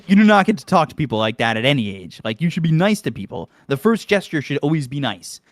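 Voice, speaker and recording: A man with a fairly high, very lively voice tells a story in a heated, profane rant. He sounds close and dry on the mic, with no room sound. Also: fast talker, no echo.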